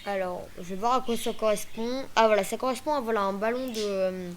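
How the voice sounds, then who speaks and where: A woman's voice: mid-range voice, brisk, a little hiss or hum. A woman chatting casually through a game tutorial, hesitant, with many fillers and restarts. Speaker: gaming video creator.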